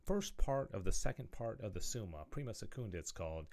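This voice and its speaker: A man's voice: lowish voice, expressive, fairly quick, a little mellow. A man giving a conversational video lecture on theology, often checking in with "okay?" and "right?" as he explains passages he reads aloud. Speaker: religious studies teacher.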